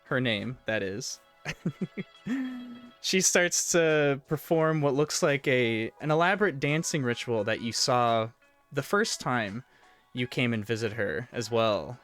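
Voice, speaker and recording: A male game master improvises tabletop narration at a slow pace. His pitch is middling, and music plays clearly behind him. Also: expressive, fairly bright tone.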